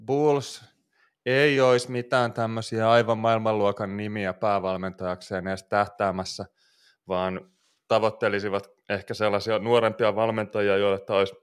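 A man's voice: fairly low pitch, clean tone. A man co-hosting a casual sports podcast, joking and chatty. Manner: joking, laughs often. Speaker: podcast co-host.

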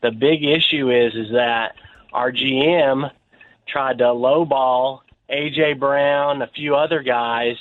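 Man calling in over the phone, mid-pitched, earnest and a bit halting, on a lo-fi phone line. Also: steady tone, no room sound. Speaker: caller. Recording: tinny phone line with faint noise.

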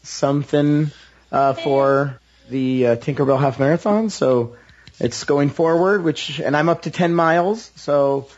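A man's voice: a little high, unhurried, a little mellow, dull audio. A man speaking casually as a podcast panelist. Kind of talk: casual chat.

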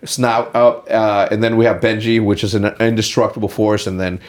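A man's voice: lowish voice, fairly even intonation, moderate pace. Rambling man in his late thirties. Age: late 30s. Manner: rambling, opinionated, many fillers. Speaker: podcast host. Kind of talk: casual sit-down chat.

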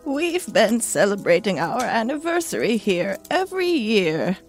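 A woman voicing a friendly older wife next door, polite and gently apologetic. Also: medium pitch, big pitch swings, unhurried, faint music behind.

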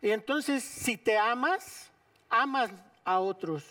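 A man's voice: very high-pitched, lively intonation, slow pace, bright, forceful tone, recorded from a distance. A man with a Mexican accent, a guest doctor giving urgent, pleading health advice on a talk show and mixing in slang.

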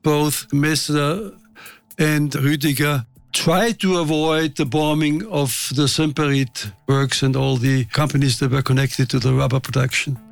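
Gravelly man, halting interview delivery. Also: on the high side. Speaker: interviewed expert. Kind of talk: unscripted interview talk.

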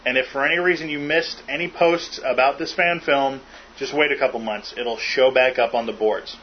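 A man's voice: mid-range voice, steady tone, normal speed. A man hosting a podcast in casual chat, joking and rambling with fillers. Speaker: podcast host. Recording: muffled lo-fi with faint hiss.

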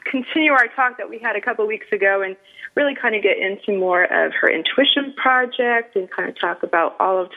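A woman with a northern US accent hosts a radio talk show in a chatty, gushing way. Her voice sits at an ordinary pitch and comes through a thin, phone-like line. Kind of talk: casual radio show chat. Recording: phone-like narrow sound.

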